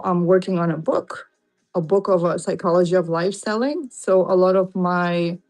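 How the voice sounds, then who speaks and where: A Lithuanian woman with a Lithuanian accent hosts a casual late-night livestream as a seller, sitting on the carpet in a room at home. Her voice is lowish and a little mellow, she greets viewers and laughs often, and the recording is rough.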